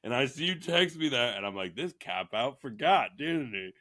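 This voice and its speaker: Male podcast co-host, bright lively voice, laid-back, easy chatter. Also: medium pitch. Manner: laid-back, quick to laugh. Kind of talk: casual chat.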